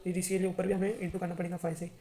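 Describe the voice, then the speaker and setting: Guy teaching math online, mellow warm tone, keeps asking if u got it. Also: high voice, little pitch movement, racing. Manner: chatty, checks understanding often, playful asides to students.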